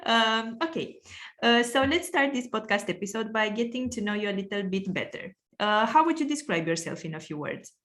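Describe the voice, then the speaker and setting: A woman's voice: a little high, expressive, moderate pace, a bit bright. A woman hosting a podcast, speaking as an interviewer in conversation with a guest. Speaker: podcast host. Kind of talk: interview questions.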